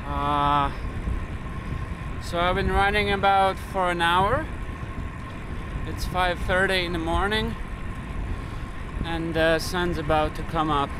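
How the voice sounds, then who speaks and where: Cyclist, young, self-filmed vlog outdoors; slow, halting talk, lots of ums, noisy roadside sound. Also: male voice, high voice. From Latvia. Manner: halting, with many fillers. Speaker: cyclist filming himself. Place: outdoors on the road. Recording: outdoor road and wind noise.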